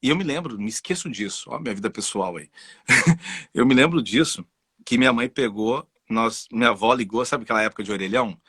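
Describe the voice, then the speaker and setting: Husky, bright-voiced Brazilian man. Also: mid-range voice, brisk, no echo, studio quality. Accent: Brazilian Portuguese. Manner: animated, personal storytelling with frequent "entendeu?". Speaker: guest voice and communication specialist. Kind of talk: casual conversational interview.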